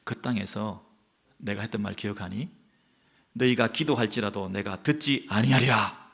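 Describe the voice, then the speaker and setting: A male pastor preaching a sermon, who drops to hushed, slow tones when quoting God and rises loud and quick when acting out the people's complaints. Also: lowish voice, creaky, husky.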